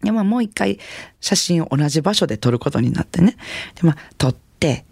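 Female radio host with a Kansai accent: gravelly, husky voice, dry close studio sound, chatty and self-mocking. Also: sits low, expressive, a little fast, darkish tone, no room sound. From Kansai region of Japan. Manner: chatty, self-mocking storytelling with frequent fillers. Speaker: radio host and jazz singer. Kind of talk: casual radio talk. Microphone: studio microphone.

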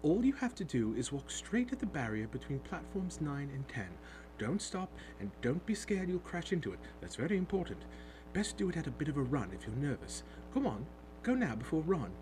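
A man's voice: on the high side, a little fast, pitched above the performer's own voice. A man putting on a kindly, fussing storybook mother. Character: kindly bustling mother of many, middle-aged. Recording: steady background hum.

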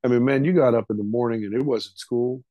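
Middle-aged man, casual storytelling, swears freely, dry close sound, mid-pitched voice. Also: fast, no room sound, muffled recording. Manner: casual, swears freely, vivid retelling of a childhood experience. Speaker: interview guest. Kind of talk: storytelling in a podcast interview.

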